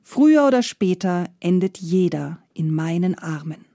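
A woman's voice: lowish voice, animated, normal speed, mellow, no echo, clean studio sound. A woman doing Death as a wailing carter. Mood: gloating. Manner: pleading and wailing, then gloating. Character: Death disguised as a wailing old male carter.

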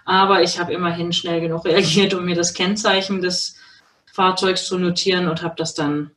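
A woman's voice: lowish voice, steady tone, moderate pace, a bit bright, a little hiss or hum. Woman chatting, distant and echoey. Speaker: podcast co-host, astrologer. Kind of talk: casual chat.

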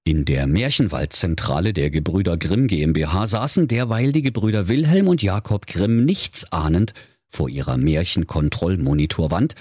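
A man with a Saxon accent narrating a comic fairy tale in a slow, playful storytelling manner, into a studio microphone. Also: deep voice, husky, no room sound. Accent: Saxon German.

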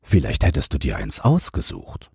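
A man voicing a kindly older man carrying a basket of rabbit feed, gentle and coaxing. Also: rumbling low, wildly swooping pitch, normal speed, creaky, breathy edge, dry recording, clean studio sound, full character voice. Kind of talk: audiobook character voice.

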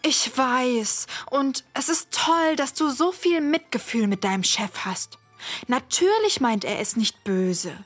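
A woman's voice: sits high, animated, slow, a bit bright, faint music behind, exaggerated voice. A woman voicing a caring, curious heroine who reassures and thinks aloud in a children's audio drama.

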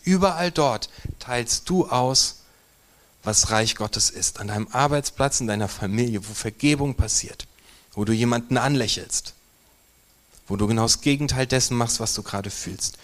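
A man delivers a sermon with a mid-range voice. He presses hard on key words, then drops to soft, almost whispered lines. It sounds like preaching in a church. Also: medium pitch. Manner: emphatic preaching, swinging between loud stresses and hushed near-whispered lines. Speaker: pastor.

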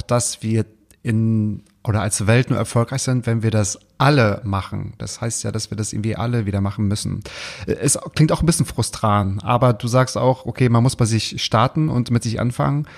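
A man's voice: medium pitch, brisk, vocal fry. A man hosting a podcast, asking a guest a thoughtful follow-up question. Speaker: podcast host. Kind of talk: casual interview question.

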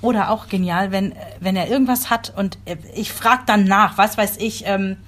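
A woman talks in an easy conversational way. She is expressive and quick to laugh, often adding small agreeing sounds. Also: mid-range voice. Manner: expressive, laughs easily, frequent agreeing fillers. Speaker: podcast co-host, mother. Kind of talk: casual chat.

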